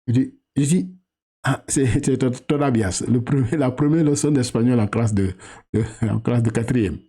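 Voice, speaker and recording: Teaching Quran reading casually and conversationally, a middle-aged man whose first language isn't French frequently laughs and draws out syllables during slow drills. He speaks at a medium pitch, warm and slightly rough.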